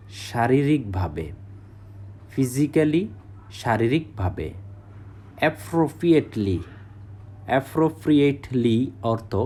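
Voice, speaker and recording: A man with a Bengali accent teaching English vocabulary, saying each word, giving its meaning and repeating it slowly. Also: medium pitch, mellow, husky. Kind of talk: slow vocabulary drill.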